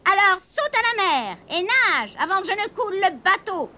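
A woman's voice: very high-pitched, big pitch swings, normal speed, sharp tone, slight background noise, voice pushed up, heavily acted. A woman voicing a vengeful sea witch who talks in a threatening, imperious way in a storybook reading. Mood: coaxing. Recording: echoey with music and thunder.

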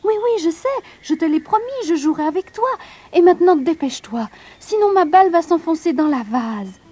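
A woman voicing a spoiled little princess who is tearful and impatient, in a high plaintive voice. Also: lively intonation, normal speed, dark tone.

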